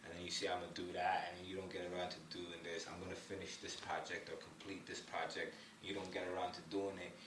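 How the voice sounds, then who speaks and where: A low-voiced man talks quickly with hardly any pauses and little pitch movement, recorded from a distance in a roomy space with faint background noise. He was born in Somalia, lived in Ottawa, Canada, and speaks casually as a podcast guest, giving slangy, emphatic, motivational advice and repeating "you know what I mean."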